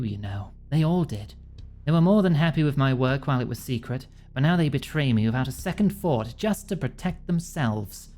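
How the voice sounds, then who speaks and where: A man's voice: mid-range voice, mellow, close to an everyday voice. A man voicing a bitter, defiant woman conspirator from a video game, accusing and dramatic. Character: bitter, defiant betrayed woman conspirator invoking a demon judge. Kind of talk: video game dialogue read aloud. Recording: music behind the voice.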